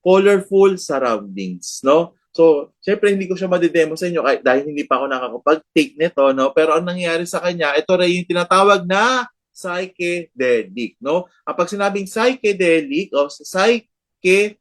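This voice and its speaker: A man's voice: high voice, animated, normal speed. A man with a Filipino accent giving a nursing board review lecture, checking in with "no?" and "di ba?" after nearly every point. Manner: mixes English terms into Tagalog, tags lines with "no?" and "di ba?".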